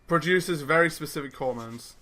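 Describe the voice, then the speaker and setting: A man co-hosting a casual podcast, cracking jokes in a dry, deadpan way. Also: fairly high pitch, normal speed. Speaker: podcast co-host.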